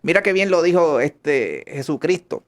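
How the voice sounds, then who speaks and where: A man's voice: fairly high pitch, animated, moderate pace. A Puerto Rican man, a pastor and lawyer, explaining on a radio interview with many halts and restarts.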